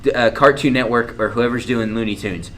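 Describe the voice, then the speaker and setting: A man's voice: medium pitch, a little fast, a bit bright, slight background noise, poor audio. A man chatting casually who rambles and stumbles over his words. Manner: rambling, stammering. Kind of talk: casual chat.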